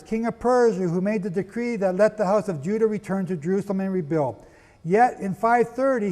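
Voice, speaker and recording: High-voiced man preaching in a hall. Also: a little mellow. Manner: asks the audience rhetorical questions; spells out names letter by letter. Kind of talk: sermon-style history lecture to an audience.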